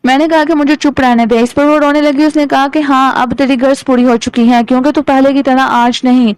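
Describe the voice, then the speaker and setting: A woman narrates an old tale in a steady, measured audiobook reading. Her voice is high and smooth, and the sound is close and dry. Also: no echo, low-quality recording. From Pakistan. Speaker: storyteller.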